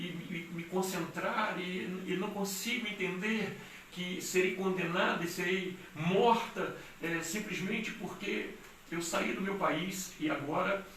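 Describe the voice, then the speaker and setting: A man voicing a frightened young woman prisoner who speaks in a low, hushed, pleading way. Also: distant mic, slight background noise. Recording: echoey room miked from afar.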